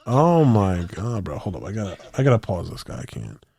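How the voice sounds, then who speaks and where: A man's voice: sits low, big pitch swings, fairly quick, gravelly, warm tone, husky. A young man on a podcast, telling a story in rambling, slangy casual chat with lots of restarts. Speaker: podcast co-host.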